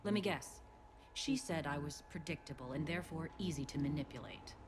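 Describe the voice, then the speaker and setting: A woman's voice: low-pitched, lively intonation, fairly quick, noisy background. An actress playing a proud, defiant female militia commander in a video game. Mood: firm, defiant. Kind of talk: video game dialogue acting.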